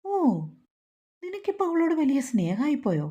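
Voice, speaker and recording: A woman's voice: mid-range voice, big pitch swings, takes it slowly, warm tone, dull audio. A woman voicing a scheming middle-aged lodge keeper who talks in a slurred, scornful, mocking way.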